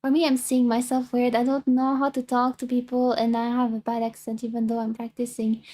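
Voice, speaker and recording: A young French woman reacts to a video as a VTuber, speaking with a French accent in a rambling, self-conscious way and restarting often. Her voice is slightly high, warm, and monotone, and she talks fairly quickly.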